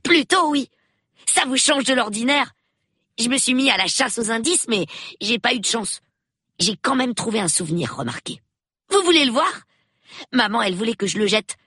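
Brief: cheeky, high-pitched boy voiced by a woman for an audiobook, quick and eager. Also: animated, sharp tone, slightly rough, dry recording, studio quality, full character voice. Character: cheeky, excited young boy. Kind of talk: audiobook reading.

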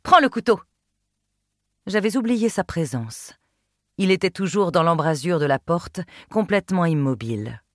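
A woman narrating a novel in the first person, in a measured, composed storytelling manner. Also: on the low side, lively intonation, darkish tone, no echo, studio quality. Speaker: audiobook narrator.

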